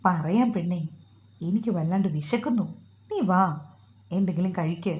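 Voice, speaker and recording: Young husband in a storybook reading, offhand and hungry, a woman narrator's voice; mellow tone. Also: fairly low pitch, moderate pace, natural voice.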